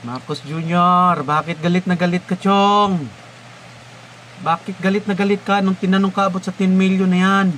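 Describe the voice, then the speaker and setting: Filipino male commentator, very high voice, mocking tone, faint background noise. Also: fairly even intonation, normal speed, fairly bright tone. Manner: mocking, exasperated questions. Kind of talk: political commentary.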